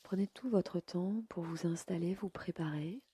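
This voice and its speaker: A woman leading a guided yoga nidra sleep meditation in a slow, soft and soothing way. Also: on the low side, husky.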